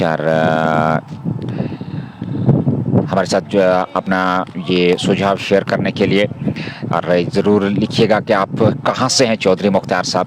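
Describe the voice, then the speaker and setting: Low-voiced man calling live cricket. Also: heavy background noise. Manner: flowing, wordy delivery reciting scores and thanking viewers. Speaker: cricket commentator. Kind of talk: live ball-by-ball cricket commentary. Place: outdoor cricket ground.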